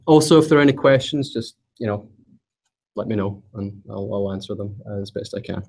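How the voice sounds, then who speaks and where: A Scottish man presents at a technical meetup, both in the room and on a stream, talking a little fast in a low, creaky, darkish voice. He's hesitant and full of fillers, with occasional self-deprecating jokes.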